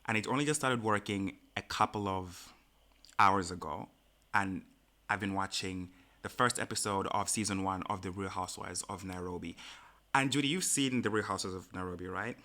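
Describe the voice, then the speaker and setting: A man co-hosting a podcast in casual chat, who gets animated and jumps high in pitch when he quotes people. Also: normal speed. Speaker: podcast co-host.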